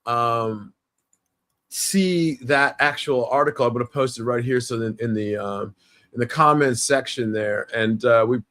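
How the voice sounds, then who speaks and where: A man hosting a live stream interview, enthusiastic and halting, with many fillers and restarts. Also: medium pitch, a bit bright. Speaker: livestream host. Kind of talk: casual interview.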